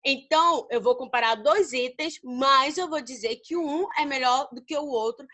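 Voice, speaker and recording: Brazilian woman teacher, high-pitched and bright, fond and chatty, asks and answers her own questions. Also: normal speed. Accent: Brazilian Portuguese. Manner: affectionate, calls students babies. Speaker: English teacher. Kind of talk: recorded grammar lesson.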